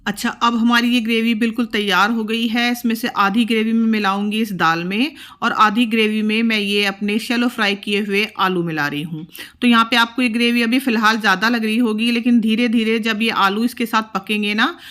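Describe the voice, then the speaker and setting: Woman vlogger, middle-aged, fairly high voice, homey step-by-step cooking narration. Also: steady tone, fairly quick, fairly bright tone. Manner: chatty, step-by-step explaining while cooking. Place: home kitchen.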